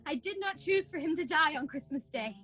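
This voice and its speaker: A woman's voice: high voice, animated, fairly quick, sharp tone. A woman playing a fearful, huffy old miserly lady in a radio play, with dramatic, pleading delivery. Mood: defensive. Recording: music behind, home video-call recording.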